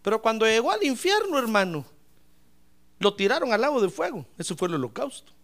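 A pastor preaching a sermon in a church, calling listeners brother and rising to shouts from a distance. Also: male voice, sits high, big pitch swings, a little fast.

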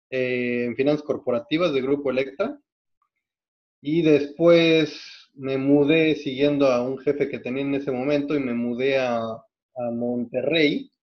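Mexican man, mid-pitched, steady and methodical, frequent restarts, dull lo-fi sound; podcast guest. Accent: Mexican Spanish. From Mexico City. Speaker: guest, hospital executive. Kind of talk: podcast interview, recounting career.

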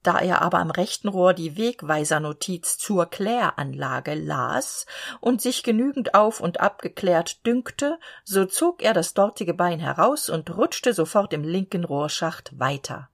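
A woman reading a grotesque short story aloud in a measured, unhurried manner. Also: fairly low pitch, animated, vocal fry, a bit bright. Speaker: audiobook reader.

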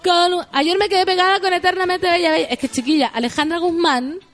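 A woman with a Chilean accent hosting a radio show, chatting loudly and playfully in slang and reading out listener messages. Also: very high voice, fairly even intonation, fast. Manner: loud, playful, slangy, bursts into song.

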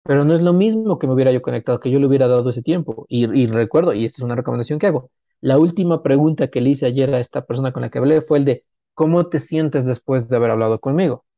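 A middle-aged business consultant appears as a guest on a podcast, talking casually in a mid-range voice at a quick pace, with studio quality and no echo. He's an animated storyteller who acts out the people in his stories, performing their quoted dialogue.

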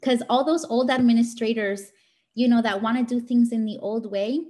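Woman, slightly high voice, emphatic, scolding teacher tone, colloquial, direct, informal motivational talk. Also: fairly even intonation, normal speed, darkish tone. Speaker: teacher coach and educator giving a talk.

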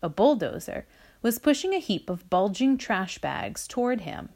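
A woman reading a children's story aloud, with a slow, expressive delivery. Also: mid-range voice.

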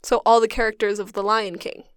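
A young woman co-hosting a casual podcast, curious and quick to ask questions and laugh along. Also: medium pitch, little pitch movement, clean tone, no echo, clean studio sound. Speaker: podcast co-host asking questions. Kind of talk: casual chat.

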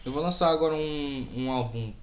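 A man's voice: a little high, brisk. A young man, chatting casually as an interview guest in slangy, hesitant, repetitive phrases. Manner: slangy, hesitant, repeats himself. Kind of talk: casual chat. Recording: echoey room.

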